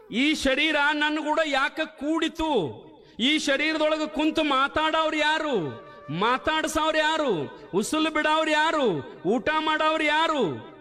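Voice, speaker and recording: Man, preacher, very high voice, storytelling sermon, rhetorical questions, faint background music. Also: fairly bright tone. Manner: storytelling, rhetorical questions, repeats phrases for emphasis. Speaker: spiritual preacher.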